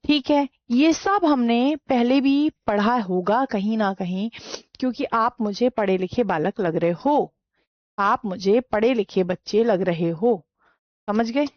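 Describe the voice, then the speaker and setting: A woman teaching a grammar class, dictating slowly with repeated words and quizzing her students with frequent questions. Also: on the high side, dry recording, muffled recording. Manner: slow dictation, repeating words for note-taking. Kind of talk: Hindi grammar class lecture.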